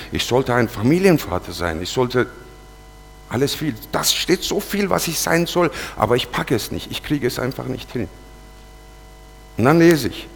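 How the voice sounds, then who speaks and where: A man's voice: medium pitch, breathy edge. Man giving an earnest confessional testimony. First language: not German. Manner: earnest, confessional, swings between loud pleading and quiet muttering; slow, deliberate when reading scripture verses. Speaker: preacher giving a personal testimony. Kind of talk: emotional spoken testimony. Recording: long hall reverb with faint hum.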